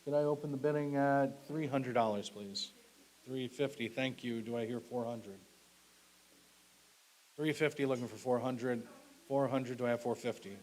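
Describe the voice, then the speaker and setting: With long pauses at a normal speed, a male auctioneer at a live auction calls bids and lots in short, repetitive, clipped phrases, politely thanking bidders along the way. His medium-pitched voice is a little mellow, and the low-quality recording has clearly audible hiss.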